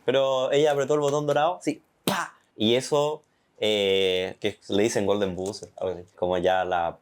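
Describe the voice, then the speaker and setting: A young man with a Chilean accent giving an earnest, animated personal faith testimony. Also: lowish voice, moderate pace, clear, resonant tone. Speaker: testimony guest.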